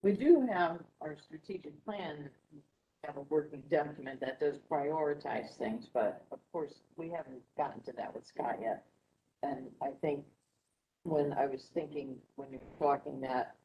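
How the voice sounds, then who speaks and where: A woman board member speaks in a very deep, gravelly voice and works through her thoughts in fragments. The audio is muffled and lo-fi, with a faint hiss under it. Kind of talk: meeting discussion. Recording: dull lo-fi audio with faint noise.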